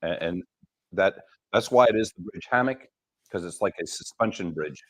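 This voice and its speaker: A man's voice: low-pitched, moderate pace, husky, no room sound. A man hosting a live stream for his gear company, casually explaining how a hammock works, with many ums along the way.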